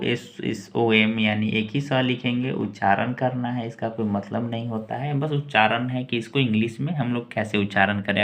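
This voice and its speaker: A man teaching English pronunciation, spelling each word letter by letter and repeating it slowly. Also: on the low side. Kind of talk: slow pronunciation lesson.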